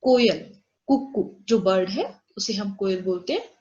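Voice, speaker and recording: A woman teaching a Hindi lesson, saying example words slowly and giving their English meanings. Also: medium pitch, a little mellow. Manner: explains Hindi words with English glosses, slow drawn-out examples. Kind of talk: online class lesson. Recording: echoey room, dull lo-fi audio.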